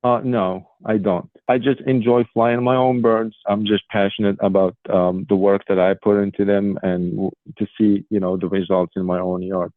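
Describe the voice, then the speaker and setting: A man's voice: fairly low pitch, flat delivery, no room sound. Man in his forties on a tinny phone line. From Morocco. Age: 40s. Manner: earnest, frequent "um" pauses. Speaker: guest, pigeon racing federation official. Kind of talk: casual interview answers.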